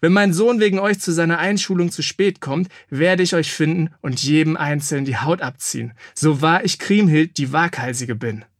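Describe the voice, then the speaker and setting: Man voicing a fierce storybook warrior mom, high and sharp, dry close sound. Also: moderate pace, few pauses, dry recording. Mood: threatening. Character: fierce warrior mother, bold and commanding.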